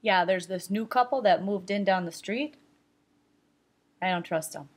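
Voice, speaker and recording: A middle-aged woman with a Minnesota accent playing a chatty, opinionated Minnesotan in a casual comedy sketch, folksy and deadpan. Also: mid-range voice, a little slow, natural voice. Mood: matter-of-fact. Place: rooms at home, indoors.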